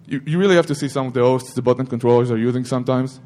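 A man's voice: mid-range voice, very fast, a little mellow. A middle-aged man giving an informal technical talk at a security conference, rambling with self-corrections and joking asides to the audience.

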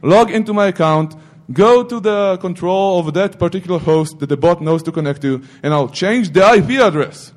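A man's voice: sits high, normal speed, few pauses, darkish tone. A middle-aged man giving an informal technical talk at a security conference, rambling with self-corrections and joking asides to the audience.

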